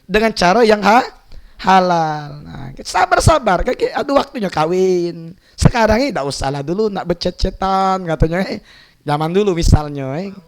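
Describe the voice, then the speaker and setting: High-voiced preacher with a Palembang accent. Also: male voice, moderate pace. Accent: Palembang Malay. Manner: animated storytelling, acting out the characters' speech. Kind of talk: sermon storytelling. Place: mosque gathering.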